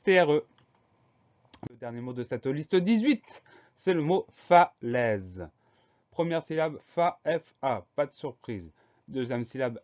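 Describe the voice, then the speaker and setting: A man's voice: mid-range voice, darkish tone. Man spelling out words, slightly muffled. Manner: slow, spells words letter by letter. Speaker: teacher. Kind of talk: spelling dictation lesson.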